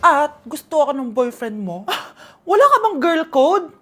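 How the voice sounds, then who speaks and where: A woman performing a comedic school skit, talking in a quick, bickering, dramatic way. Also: sits high, big pitch swings, faint music behind.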